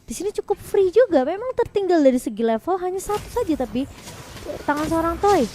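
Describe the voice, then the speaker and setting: A female esports shoutcaster with a very high voice gives live match commentary. There is faint noise behind her. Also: big pitch swings, fairly quick.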